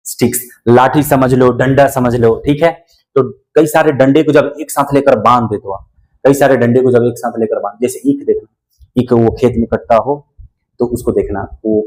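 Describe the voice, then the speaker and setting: Chatty male grammar teacher, slow on examples. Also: medium pitch, a little mellow, rough recording. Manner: chatty, repeats key phrases, slows sharply on English examples; asides with rhetorical questions to the class. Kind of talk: lecture to exam students.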